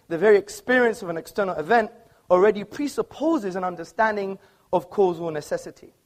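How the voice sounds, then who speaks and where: Guy arguing hard at a debate, emphatic, on stage mic in an auditorium. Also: high voice. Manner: emphatic, argumentative, quoting books. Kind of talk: debate opening speech. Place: auditorium before a live audience.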